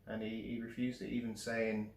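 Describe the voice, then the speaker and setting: A man's voice: on the low side, completely flat delivery, moderate pace, creaky, a little hiss or hum. Hesitant man chatting in an echoey room. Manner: hesitant, restarts often. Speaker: movie review host. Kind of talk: casual chat. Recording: roomy echo.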